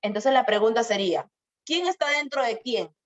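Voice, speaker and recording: Young woman teacher, fairly high voice, questioning manner, dull lo-fi audio. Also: lively intonation. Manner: questioning, drawn-out examples. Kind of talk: online grammar lesson. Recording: muffled lo-fi sound.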